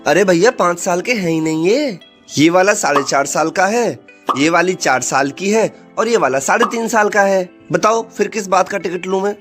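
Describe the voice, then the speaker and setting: A man's voice: high-pitched, moderate pace, over music, voice pushed up, natural voice. A man voicing an argumentative, indignant woman arguing over a bus fare in a comic skit. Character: brash bickering woman on a bus.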